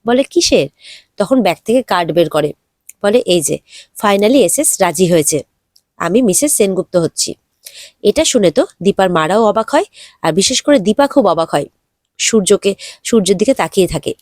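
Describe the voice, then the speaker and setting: A woman's voice: medium pitch, lively intonation, moderate pace, long pauses, darkish tone, no room sound, clean studio sound. A woman narrating an episode recap, retelling the characters' lines with light emotion.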